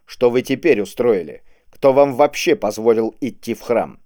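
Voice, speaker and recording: A man's voice: medium pitch, animated, moderate pace, warm tone, no echo, clean studio sound, natural voice. A man voicing a stern male police inspector who speaks in a commanding, brusque way. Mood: angry.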